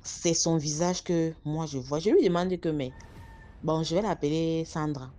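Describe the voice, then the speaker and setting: A woman's voice: deep voice, moderate pace, mellow, faint music behind. A woman telling her own story casually, speaking straight to her listeners and painting vivid pictures. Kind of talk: casual first-person storytelling.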